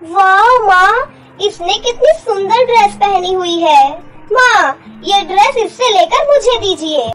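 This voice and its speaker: A woman's voice: very high-pitched, expressive, slow pace, a bit bright, pitched above the performer's own voice, exaggerated voice. A woman voicing a spoiled, whiny teenage stepsister in a cartoon story. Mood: spoiled whining.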